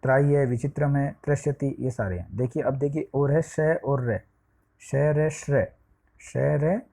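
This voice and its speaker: A man's voice: medium pitch, unhurried, vocal fry, warm tone. A man teaching a Sanskrit lesson to eighth-grade students, explaining step by step, spelling out letters one at a time and often checking in with the class. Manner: often checks with "ठीक है" and "देखिए".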